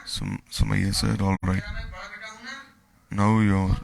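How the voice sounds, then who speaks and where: A man's voice: lowish voice, little pitch movement, slow, creaky, low-quality recording. A man, giving a devotional talk, retelling scripture stories with quoted dialogue. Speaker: spiritual teacher.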